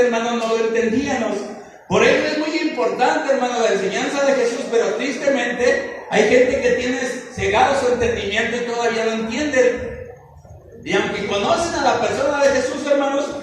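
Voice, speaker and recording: A man's voice: very high-pitched, recorded from a distance, a little hiss or hum. A man with a Mexican Spanish accent, a pastor preaching a sermon to his congregation, often addressing them as brothers. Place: church hall. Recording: echoey church, recorded from afar.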